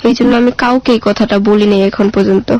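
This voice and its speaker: Brisk and fairly even, a medium-pitched, slightly mellow woman's voice comes through lo-fi sound. Her colloquial Bangladeshi Bengali accent frames a plain-spoken guest account of her life, complete with acted-out recollected lines.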